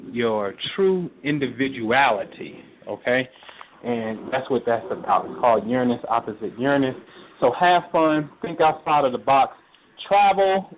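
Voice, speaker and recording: A man's voice: medium pitch, a little hiss or hum. Man reading astrology over a phone line. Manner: encouraging, folksy, uses y'all. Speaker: astrology and tarot reader, co-host. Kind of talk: call-in reading, casual advice.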